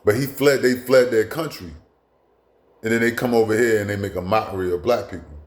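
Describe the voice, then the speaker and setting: Delivering a casual commentary monologue in an echoey room, this lowish-voiced man talks briskly. He's blunt and profane, often restarting, wandering into asides, and repeating himself.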